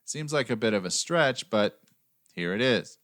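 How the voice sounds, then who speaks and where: A man's voice: mid-range voice, lively intonation, moderate pace, a bit bright. An American man hosting a true-crime podcast, reading scripted narration in a dry, sarcastic way between banter. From United States. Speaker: podcast host.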